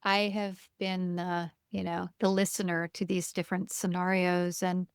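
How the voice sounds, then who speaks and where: A woman's voice: fairly low pitch, little pitch movement, normal speed, smooth, no echo, studio quality. A woman hosting a podcast interview, reflective and often murmuring agreement. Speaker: podcast host. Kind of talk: conversational interview.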